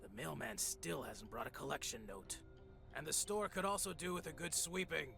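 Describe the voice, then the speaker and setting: An actor playing a cranky, sleazy shop boss in a video game, barking orders with contempt. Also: male voice, on the high side, moderate pace, gravelly. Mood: gruff. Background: game music.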